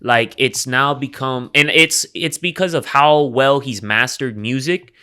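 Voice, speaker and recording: Young guy on a podcast going on about rap, slangy and loose, kinda lively. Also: medium pitch, measured pace, smooth. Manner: animated, slangy, breaks into imitating rappers. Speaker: podcast co-host. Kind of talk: casual chat about music.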